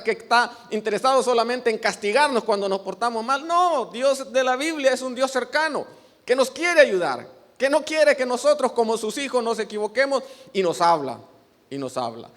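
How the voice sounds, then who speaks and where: A man with a very high-pitched voice preaches an earnest sermon, often asking his listeners for agreement. His voice carries a long church-hall reverb. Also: moderate pace, fairly bright tone. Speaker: pastor.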